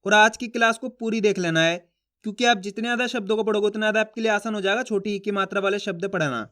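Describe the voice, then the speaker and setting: A man teaching beginners to read, sounding out each syllable and then saying the whole word louder, with patient, encouraging explanations. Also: high-pitched, fairly even intonation, quick pace. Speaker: Hindi reading teacher. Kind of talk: video reading lesson.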